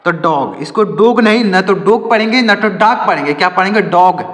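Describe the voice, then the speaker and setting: A man's voice: high-pitched, animated, brisk, fairly bright tone. A man teaching English to beginners, asking questions and answering them himself and repeating key words. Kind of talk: Hindi-language English lesson for beginners. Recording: echoey room with long reverb.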